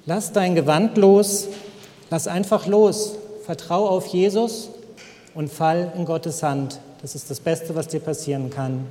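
A man preaching a sermon in an earnest, gentle, encouraging manner. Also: fairly high pitch, fairly even intonation, measured pace. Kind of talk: sermon with storytelling. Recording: long hall reverb.

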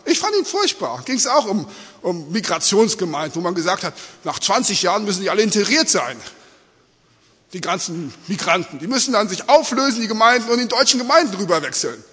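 Australian-born with a mother from Peru, now living in Germany, this Spanish-speaking preacher talks to his congregation in a casual, plain-worded sermon, regularly posing questions and rhetorical check-ins. His high, husky voice swings widely in pitch, sounding sing-song, brisk, pushed and bright. It rings through the large, reverberant indoor hall where he faces his audience.

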